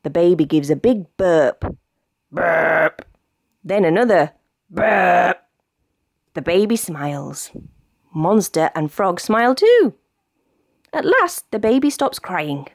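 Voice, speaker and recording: A young British woman reading a children's bedtime story aloud in an expressive, animated way. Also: fairly low pitch, unhurried, dry recording, clean studio sound. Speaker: storybook reader.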